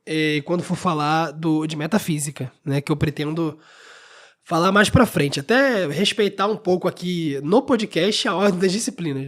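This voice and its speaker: A man hosting a solo podcast, explaining ideas step by step and often checking that the listener is following. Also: a little high. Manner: explains patiently with frequent checks like "né?" and "tá?". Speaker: podcast host. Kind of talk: solo lecture-style podcast talk.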